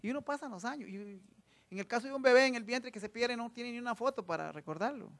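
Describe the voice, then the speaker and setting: A man's voice: very high-pitched, fast, a bit bright. Emphatic preacher man firing rhetorical questions. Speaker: pastor. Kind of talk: sermon. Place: church.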